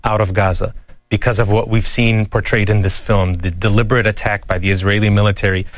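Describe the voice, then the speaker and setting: A man's voice: fairly low pitch, flat delivery, a little fast, no room sound. A man, a doctor, answering a news interview insistently.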